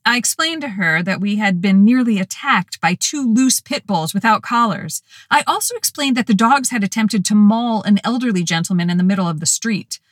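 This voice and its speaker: A woman narrating her own story as a first-person audiobook, telling it in an expressive, lively way. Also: mid-range voice, moderate pace, few pauses, no room sound, studio quality.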